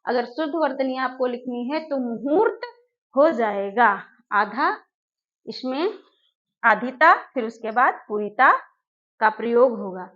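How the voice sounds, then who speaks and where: A woman teaching an exam-prep spelling lesson, who asks her class questions and then answers them herself, repeating each word slowly. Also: a little high, lively intonation, fairly bright tone, highs cut off. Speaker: Hindi teacher.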